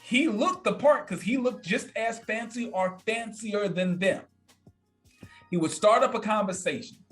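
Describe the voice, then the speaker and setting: A man's voice: high-pitched, unhurried, fairly bright tone, soft background music. A man in his thirties, a podcast guest telling a story in a blunt, emphatic, casual way that repeats points for effect. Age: 30s.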